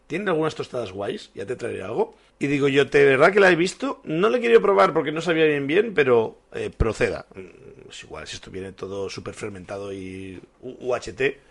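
A man's voice: mid-range voice, animated, a little fast, gravelly. A man, co-hosting a casual beer-tasting podcast, telling jokey stories and swearing freely. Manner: joking storyteller, swears freely. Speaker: podcast co-host.

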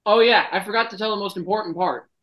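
A man hosts a loose podcast chat with friends. He is brash and profane, quick with a joke. He sounds a little queasy throughout. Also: high-pitched, a bit bright, rough recording. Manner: swearing, brash and joking. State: feeling sick and nauseous. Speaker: podcast host. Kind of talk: casual chat.

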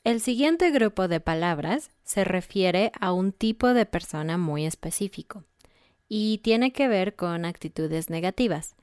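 Smooth, low-voiced Mexican woman teaching. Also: lively intonation, unhurried, a little mellow, dry recording, studio quality. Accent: Mexican Spanish. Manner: clear, explaining with examples. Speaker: Spanish teacher. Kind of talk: casual language lesson.

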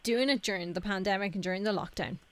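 A woman's voice: medium pitch, fast talker, dry recording. A woman asking questions as a casual interviewer.

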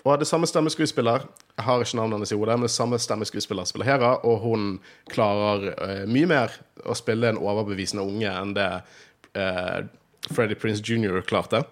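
Chatty low-voiced Bergen man. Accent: Bergen Norwegian. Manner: talkative, animated, laughs often. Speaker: podcast host. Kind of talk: casual chat.

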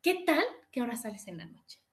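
This podcast host, a woman with a Mexican accent, sounds on the high side and speaks fairly quickly. Her casual chat is animated, full of reenacted quotes and frequent tag questions.

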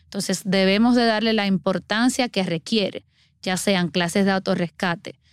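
A woman's voice: mid-range voice, steady tone, measured pace, clean tone, no echo. A middle-aged woman, earnestly explaining child water safety as a guest on a podcast. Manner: earnest, explanatory, acts out everyday scenes.

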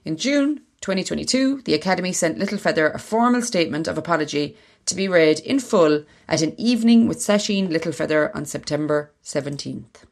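An Irish woman hosts a podcast in a distinctly low voice. She shifts between reading from prepared notes and relaxed conversational talk with her co-host. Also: fairly quick, gravelly.

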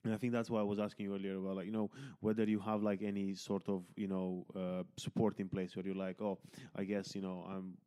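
Low, mellow-voiced man, halting and candid. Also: little pitch movement, smooth. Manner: rambling, halting, many fillers and restarts; candid, swears casually. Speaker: podcast host. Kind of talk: casual conversation.

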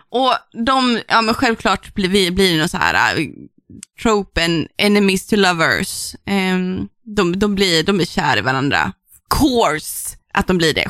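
A woman's voice: mid-range voice, pushed and bright, no echo, clean studio sound. A young woman, swearing freely and ranting with exasperation as she chats about books on a podcast. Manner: profane, exasperated ranting with laughter. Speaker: podcast co-host. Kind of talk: casual chat about books.

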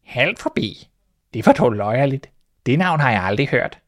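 A man putting on a squeaky timid storybook mouse. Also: sing-song. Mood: astonished. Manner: high, squeaky and startled. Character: timid little female mouse, homely and trusting.

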